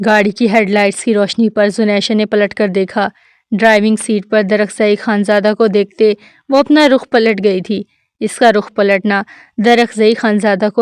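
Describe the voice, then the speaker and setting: A woman narrating a dramatic novel in a steady, even reading voice. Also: mid-range voice, smooth, no echo, clean studio sound. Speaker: novel reader. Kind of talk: scripted narration of a romance novel.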